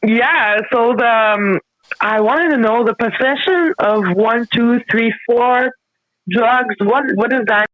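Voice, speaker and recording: High-voiced French-accented woman caller. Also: slow pace, dry recording. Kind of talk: casual chat. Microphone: call-in connection. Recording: dull lo-fi call audio.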